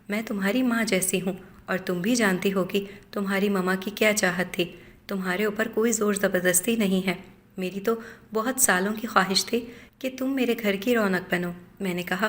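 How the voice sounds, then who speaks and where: A woman narrating a scripted first-person story in a steady, measured reading voice. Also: medium pitch.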